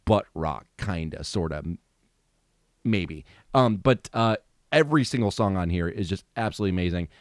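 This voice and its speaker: A man's voice: medium pitch, smooth, no room sound, clean studio sound. A man in his thirties co-hosting a casual podcast, rambling and swearing, with lots of fillers and restarts. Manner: rambling, profane, full of fillers. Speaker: podcast co-host. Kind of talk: casual chat.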